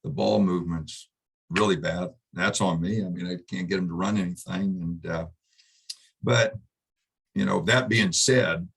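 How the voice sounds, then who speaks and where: Middle-aged male coach, deep husky voice, halting postgame answers. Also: steady tone, fairly bright tone. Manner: halting, subdued, many fillers and restarts. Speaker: basketball head coach. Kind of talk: postgame press conference.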